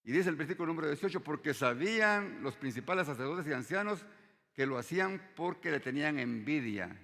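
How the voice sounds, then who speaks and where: Animated, brisk and fairly bright, a man preaches a sermon carried by a church's long hall reverb. He keeps calling the congregation brothers, repeating "hermanos" often, lifting on key words and sinking low as phrases end.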